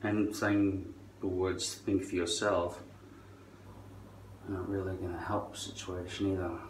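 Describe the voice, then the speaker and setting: A middle-aged man with a low voice rambles through a sardonic, foul-mouthed rant. He drags some words out and punches others. He sounds distant from the microphone, with roomy echo around him. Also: flat delivery, unhurried. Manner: sardonic, profane. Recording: distant mic, roomy echo, faint noise.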